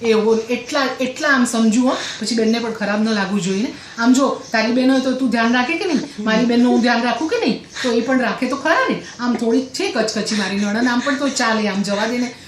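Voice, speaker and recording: A woman's voice: fairly high pitch, a little fast, few pauses, close to an everyday voice. A woman playing a gossipy middle-aged housewife who complains about her in-laws, talking breathlessly and repeating herself. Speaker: comedian. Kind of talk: comic character monologue. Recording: roomy echoey recording, faint noise.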